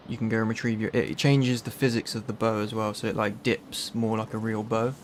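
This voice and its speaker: A man's voice: lowish voice, flat delivery, fairly quick, a little hiss or hum. A man with a London accent, casually reading through a list of game mods with a friend. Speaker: streamer. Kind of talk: casual gaming chat.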